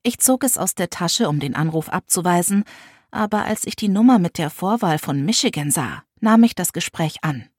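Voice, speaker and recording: A woman's voice: on the low side, animated, normal speed, darkish tone, husky, dry recording, studio quality. A young woman narrating a first-person audiobook with an intense, emotional delivery.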